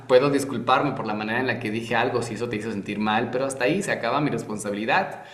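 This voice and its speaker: A man teaching a Torah class over a video call, talking conversationally and often asking rhetorical questions. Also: medium pitch. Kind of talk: online class talk. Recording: roomy echo.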